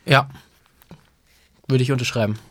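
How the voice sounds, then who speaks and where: Laughing podcast host. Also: male voice, medium pitch, steady tone, measured pace, a bit bright, no room sound. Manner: laughs often, tells stories with mimicked voices. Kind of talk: casual chat about ice hockey.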